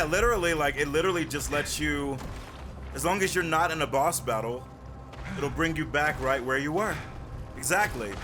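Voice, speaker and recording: A man giving casual, slangy live gaming commentary and chatting with his viewers. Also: a little high. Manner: slangy, repetitive, easygoing banter. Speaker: game livestreamer. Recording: music behind the voice.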